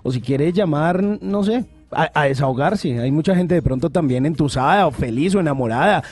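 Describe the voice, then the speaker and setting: A man's voice: on the high side, animated, normal speed, a little mellow, husky. A man hosting a call-in radio show, upbeat and chatty. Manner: upbeat, chatty, asks questions. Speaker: radio host. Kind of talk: casual radio chat.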